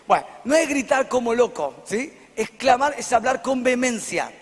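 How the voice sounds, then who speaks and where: A man's voice: very high voice, big pitch swings, normal speed, breathy edge. A man pastor with an Argentine Rioplatense accent, preaching emphatically to a congregation in a church and checking in with them often. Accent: Argentine Rioplatense Spanish. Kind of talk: sermon. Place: church hall before a congregation. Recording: echoey church hall.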